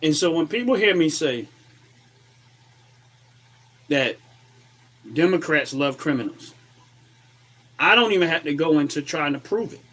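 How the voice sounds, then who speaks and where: A man with an American accent hosting a casual, opinionated livestream commentary while a little under the weather, clearing his throat and repeating phrases for emphasis. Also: on the high side, animated, unhurried, pauses often, fairly bright tone. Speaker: livestream host.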